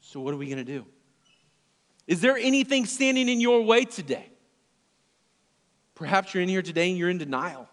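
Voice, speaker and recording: The pastor's voice sits high with big pitch swings, moving at normal speed and broken by long pauses, and the church gives a long reverb tail. He preaches earnestly, going from loud emphasis to hushed near-whispers.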